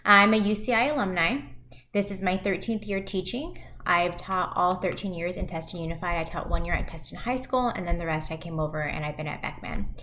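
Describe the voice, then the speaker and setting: A woman in her thirties, a high school math teacher, walking parents through class web pages in a recorded virtual presentation. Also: fairly quick, bright, forceful tone, a little hiss or hum.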